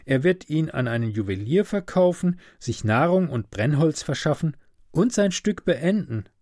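A man playing a gentle, selfless statue prince. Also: on the high side, lively intonation, moderate pace, no room sound, clean studio sound, pitched above the performer's own voice. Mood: earnest. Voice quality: earnest, gently insistent.

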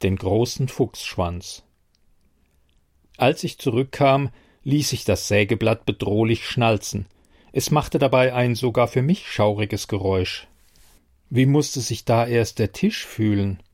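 A man reading a first-person short story aloud for a podcast in an expressive narrating voice. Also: medium pitch, a little slow.

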